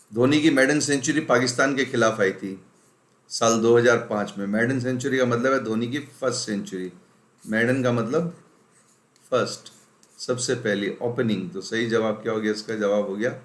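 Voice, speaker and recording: A man's voice: mid-range voice, fairly even intonation, moderate pace. A man from India teaching an exam-prep vocabulary lesson. He speaks with emphasis, repeats words to drill them and mixes in English phrases. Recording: roomy echo.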